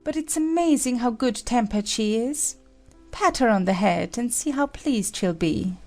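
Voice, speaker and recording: A woman's voice: fairly high pitch, expressive, unhurried, darkish tone, soft background music. A woman voicing a bossy, condescending storybook queen in a commanding, patronising manner. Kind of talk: dramatized audiobook character acting.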